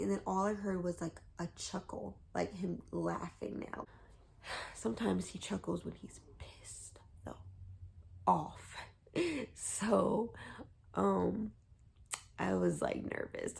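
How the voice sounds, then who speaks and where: A woman's voice: mid-range voice, gravelly, darkish tone. A young woman telling a personal story to camera in a rambling, hesitant way with many fillers. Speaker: vlogger.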